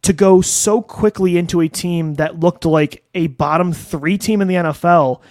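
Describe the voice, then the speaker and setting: A man hosts a sports podcast in casual, conversational chat, often sounding incredulous. His voice sits a little higher than most men's. The recording is dry and close. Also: normal speed, darkish tone, dry recording. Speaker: podcast host.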